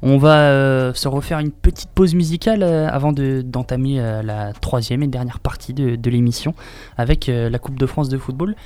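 A man's voice: medium pitch, fairly even intonation, normal speed, darkish tone. A man hosting a radio show from a studio, chatting casually with his colleagues.

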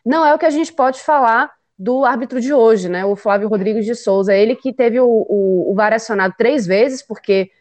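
A woman hosting a post-match football talk show, speaking haltingly and searching for words as she sets up questions. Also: on the high side, a little mellow. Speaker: host.

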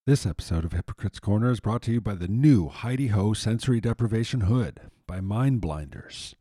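A man reading a mock commercial as an ad announcer, in a hard-sell infomercial pitch. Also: animated, a little fast, dark tone, slightly rough, faint music behind.

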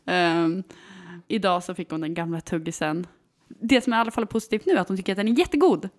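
A woman in her thirties telling a story in a casual, animated chat, with lots of fillers and hesitations. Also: fairly low pitch. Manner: animated, full of fillers, acts out quoted voices.

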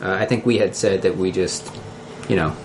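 A man with a Philadelphia accent hosting a casual podcast in a halting, loosely scripted way. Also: deep voice, slight background noise. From Philadelphia area, United States. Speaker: podcast host.

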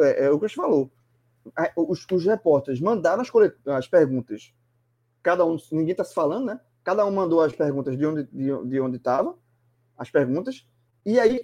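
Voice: medium pitch, mellow, husky. A sports commentator, talking animatedly and emphatically in a casual sports chat, often restarting words.

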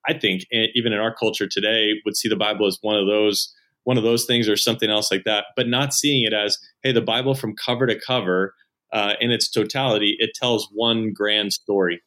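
A man's voice: on the low side, fairly even intonation, a little fast, pushed and bright. A man who leads at a church, a podcast guest explaining his ideas earnestly, step by step. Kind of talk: explanatory conversation.

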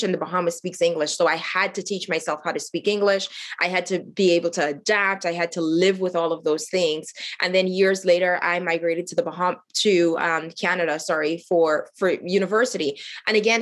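A Haitian woman in middle age, a nonprofit cofounder, shares her story as a guest in an interview. Her slightly low voice sounds earnest and reflective, and she frequently pauses on filler words and starts her sentences over.

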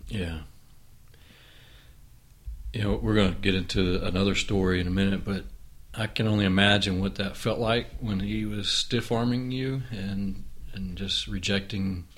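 Man, host, low voice, reflective, unhurried, frequent restarts, casual chat. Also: steady tone, fairly bright tone. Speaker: podcast host and author. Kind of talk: casual conversation with his wife.

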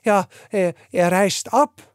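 A man playing a slow-witted male pupil who gives literal-minded answers. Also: high voice, clean tone, no room sound, pitched above the performer's own voice. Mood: earnest.

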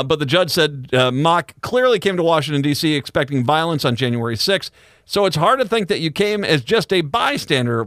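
Higher-pitched man hosting talk radio. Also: fairly bright tone, dry recording, clean studio sound. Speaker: radio talk show host. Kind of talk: live radio talk and news commentary.

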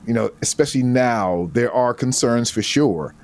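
A man being interviewed as a photographer, telling his story in a relaxed, easygoing way. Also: medium pitch, normal speed. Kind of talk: casual interview chat.

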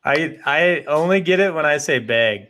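A man from Wisconsin, hosting a casual podcast chat in a relaxed, rambling way. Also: on the high side, moderate pace. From Bloomer, Wisconsin. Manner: relaxed, rambling, hesitant restarts. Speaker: podcast host.

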